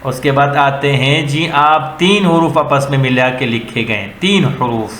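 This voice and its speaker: Slow, patient man teaching letters. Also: mid-range voice, fairly bright tone. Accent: Pakistani. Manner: patient, repetitive, drills letters one at a time. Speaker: Quran reading teacher. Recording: echoey room with faint ambient noise.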